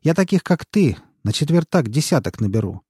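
A man reading aloud and voicing a brutal, hot-tempered male boss who hisses and shouts threats at an underling. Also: a little high, sing-song, a little fast, slightly rough, no room sound, clean studio sound, voice pushed up, full character voice. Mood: menacing. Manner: harsh, shouting threats, hissing.

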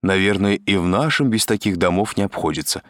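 A man with a low voice narrates an audiobook from a script, calm and measured. The sound is clean studio quality, with no room sound.

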